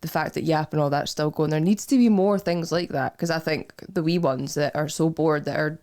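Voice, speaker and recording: A woman's voice: deep voice, fairly quick, a little mellow. A woman with a West Lothian Scottish accent chatting casually as a podcast host, using informal, sweary street Scots. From Scotland. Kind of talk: casual chat.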